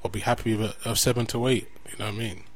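A man's voice: on the low side, fairly even intonation, racing. A man with a London accent chatting casually on a podcast, making his points emphatically and repeating phrases, with plenty of slang.

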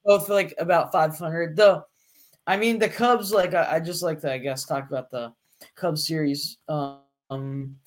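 A man's voice: fairly high pitch, fairly even intonation, unhurried. A teenage boy co-hosting a casual podcast, rambling with lots of fillers and restarts. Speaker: podcast co-host. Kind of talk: casual chat.

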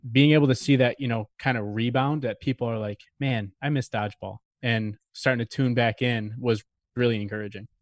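A man's voice: mid-range voice, fairly even intonation, a little fast, no echo. Guy co-hosting a podcast, chatty and upbeat, dry close sound. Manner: upbeat storyteller, acts out quotes. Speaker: podcast co-host. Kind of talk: casual podcast chat.

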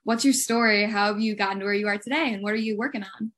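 A woman's voice: medium pitch, steady tone, quick pace, a bit bright. A woman hosting a podcast, introducing her guest in a bubbly, friendly way. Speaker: podcast host.

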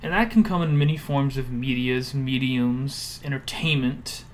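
A man co-hosting a podcast in casual, joking chat, teasing and rambling with a deadpan delivery. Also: medium pitch, unhurried, slight background noise. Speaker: podcast co-host.

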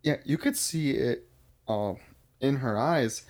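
A man co-hosting a casual film review chat, relaxed and often searching for words. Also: mid-range voice, slow pace. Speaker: podcast co-host.

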